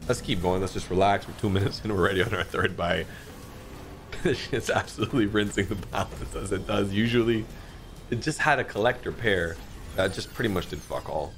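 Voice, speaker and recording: A man in his thirties giving casual, excitable commentary while playing an online slot game, often swearing and jumping up in pitch at big moments. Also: slight background noise. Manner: excitable, swears a lot, frequent pitch jumps. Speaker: slot streamer. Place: dim home streaming room, indoors.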